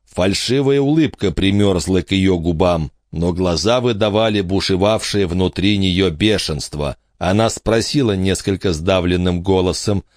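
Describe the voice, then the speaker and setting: Man, low voice, lively expressive storytelling, audiobook narration, dry close recording. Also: moderate pace, few pauses, dry recording. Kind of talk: scripted narration.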